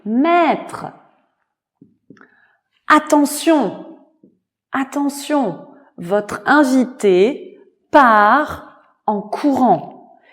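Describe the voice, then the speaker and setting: A woman voicing a frantic young cook girl who shouts an urgent warning to her master. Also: high voice, expressive, extremely slow, pauses often, voice pushed up, full character voice. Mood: alarmed.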